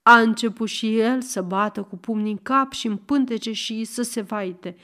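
A woman narrating a folk tale in a lively, animated reading. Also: a little high. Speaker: storyteller. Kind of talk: storytelling narration.

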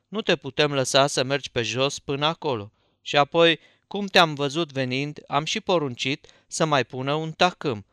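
Un bărbat care imită o mătușă de la țară, agitată și primitoare, care insistă cu căldură. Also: male voice, on the high side, pushed and bright, clear, resonant tone, dry recording. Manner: eager, insistent. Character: bustling, hospitable middle-aged aunt.

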